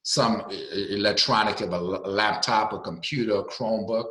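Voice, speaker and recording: Bright-voiced man on an echoey video conference call. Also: on the low side, fairly even intonation, brisk. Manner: earnest, explanatory, with many fillers. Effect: video conference call audio. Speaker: special education advocate. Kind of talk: explaining guidance on a call.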